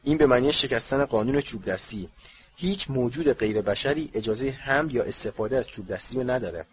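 A man's voice: mid-range voice, lively intonation, a little hiss or hum, lightly acted. A man voicing an eager, self-assured middle-aged wizard official who talks insistently, on a dull lo-fi recording. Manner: insistent, raises voice to a shout.

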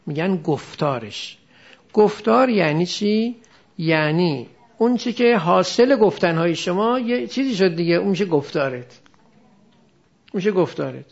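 A religious studies teacher lectures a class on Quranic Arabic grammar, explaining step by step and quizzing students with questions. His voice sits high, creaky, with lively intonation. The recording is muffled.

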